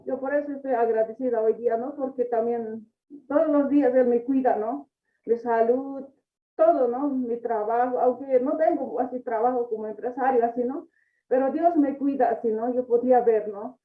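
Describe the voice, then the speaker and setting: A woman giving a halting personal testimony in church, tagging nearly every phrase with a question. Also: a little high, fairly even intonation. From Bolivia. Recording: echoey hall from far off, tinny phone-like sound.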